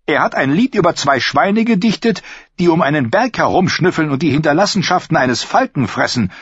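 A man doing a rough, indignant young knight. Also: a little high, expressive, fairly quick, dry recording, lo-fi sound, voice pushed up. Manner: indignant, complaining. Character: rough, broad-shouldered young knight, aggrieved.

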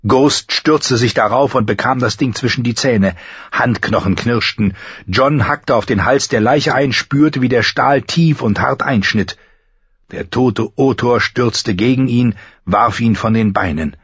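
A man's voice: mid-range voice, a little slow, a bit bright, husky, dry recording, highs cut off. A man narrating a fantasy audiobook with tense, vivid storytelling. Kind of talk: dramatic fantasy audiobook reading.

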